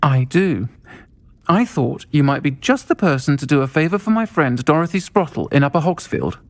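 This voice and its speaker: In a mid-range voice with big pitch swings and a moderate pace, a performer plays a video game's caring witch publican. The British-accented delivery is familiar and considerate, warm and confiding.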